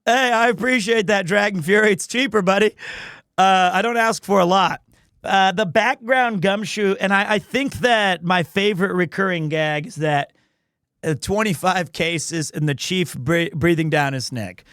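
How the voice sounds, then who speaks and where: A man's voice: sits high, moderate pace, a bit bright, dry recording, clean studio sound. A man hosting a livestream, chatting casually with viewers in a rambling, playful way. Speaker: livestream host, amateur voice actor. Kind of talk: casual chat with stream viewers.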